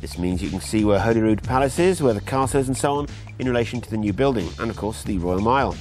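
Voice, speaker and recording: A man's voice: on the low side, animated, fast, a little mellow, faint music behind. A middle-aged man presenting a TV documentary outdoors, talking to camera with wry, jokey asides. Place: outdoors by a brick building, sitting with a laptop.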